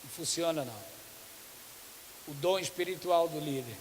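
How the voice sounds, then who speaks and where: A man preaching as a pastor at a conference for cell group leaders, telling lively stories and acting out church members. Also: a little high, moderate pace. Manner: animated storytelling preacher, acts out church members. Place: church hall. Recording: reverberant hall with faint hiss.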